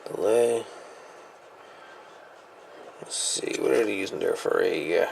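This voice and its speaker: In a low-quality recording with slight background noise, a man with a low, gravelly, slightly mellow voice speaks slowly. He's a radio hobbyist reviewer casually going through a radio gadget's insides at a repair bench, thinking aloud with mumbled asides.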